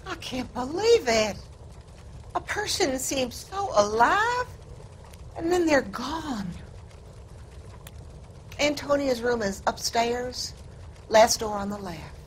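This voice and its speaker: A prim landlady of a 1940s boarding house in a crime game. Her voice is fairly high and very mobile, with measured, polite delivery and faint noise behind it. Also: lively intonation. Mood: shocked, sorrowful. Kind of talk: video game drama acting.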